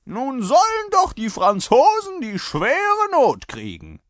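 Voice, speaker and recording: Man playing a bold dusty old-time cavalryman, loud and high-pitched, unbothered by danger, dry close sound. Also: huge pitch swings, slow pace, no room sound, exaggerated voice. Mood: brash. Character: brash dusty male Prussian cavalryman, unflappable. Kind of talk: dramatic reading of a classic anecdote.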